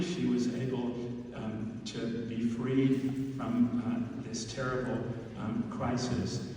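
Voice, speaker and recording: A man delivers a homily from the pulpit at a slow, halting pace, pausing often as he searches for words. His voice sits at a middle male pitch. It rings with long church reverb and is picked up from a distance. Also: a little mellow. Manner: halting, hesitant delivery with frequent pauses. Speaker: preacher giving a homily. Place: large reverberant church, speaking to a congregation. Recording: echoey church hall, distant mic, faint noise.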